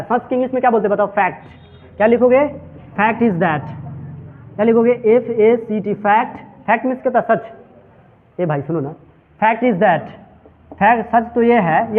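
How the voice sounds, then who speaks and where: Man, high voice, English teacher, drills students with repeated questions, tinny phone-like recording. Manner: mixes Hindi and English. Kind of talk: classroom translation lesson.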